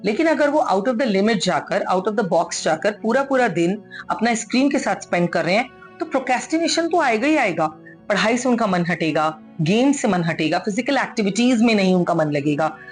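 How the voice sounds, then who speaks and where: Woman, motivational speaker, earnest coaxing delivery, medium pitch, faint music underneath. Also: animated, moderate pace. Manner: earnest and coaxing, mixes English into Hindi. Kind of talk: motivational talk.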